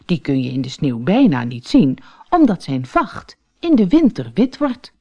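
A woman's voice: deep voice, huge pitch swings, a little slow, muffled recording, exaggerated voice. A woman doing a friendly wild pony. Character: kindly, knowing wild pony.

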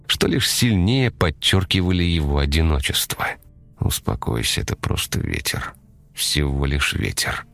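A man reading a thriller audiobook in a measured, dramatic storytelling manner. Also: low voice. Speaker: narrator. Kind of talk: scripted audiobook narration.

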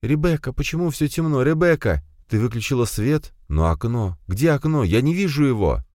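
A man reading a storybook, voicing a confused, tired male mind that speaks hoarsely through a small loudspeaker. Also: medium pitch, animated, normal speed, no room sound, clean studio sound, pitched above the performer's own voice, natural voice. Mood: desperate. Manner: confused, pleading, near tears.

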